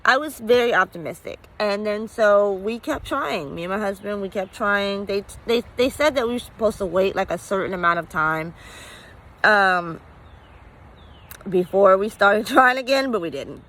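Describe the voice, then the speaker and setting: A woman's voice: medium pitch, lively intonation, normal speed, a bit bright. Candid woman telling a personal story. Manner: candid, conversational, many fillers. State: emotional, near tears at times. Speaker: vlogger.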